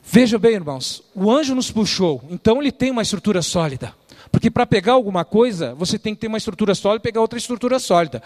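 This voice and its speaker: A middle-aged man preaching in a church, telling lively stories, quoting people and quizzing his listeners. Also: high-pitched, fast talker. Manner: lively storyteller, quotes people and quizzes the audience. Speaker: church speaker. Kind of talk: storytelling sermon. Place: church hall.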